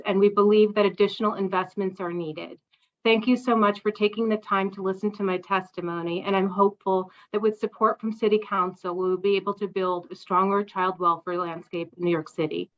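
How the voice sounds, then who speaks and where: Woman testifying over a muffled video call. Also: mid-range voice. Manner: formal and measured. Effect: heard over a group video call. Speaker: nonprofit executive director giving testimony. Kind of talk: reading a prepared statement at a remote hearing. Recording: dull lo-fi video call audio.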